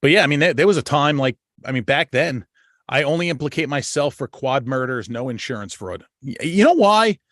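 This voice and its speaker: A man's voice: medium pitch, animated, a little fast, a bit bright, no room sound. Middle-aged ny guy rambling war stories, swears constantly, dead dry sound. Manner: profane, blunt and joking. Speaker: show host. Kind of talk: casual storytelling monologue.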